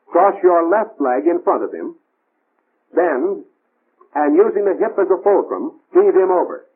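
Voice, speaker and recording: A man with a slightly high voice and a breathy edge narrates a 1940s military training film. His instructions are scripted, clipped and imperative, heard through a tinny, band-limited soundtrack of that era.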